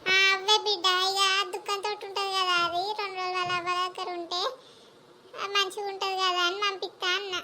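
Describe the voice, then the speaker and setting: A woman with a Telangana accent playing a scheming village mother-in-law who complains loudly. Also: very high-pitched, level tone, brisk, a little hiss or hum, heavily acted. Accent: Telangana Telugu. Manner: loud, scolding and complaining. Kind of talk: village comedy skit acting.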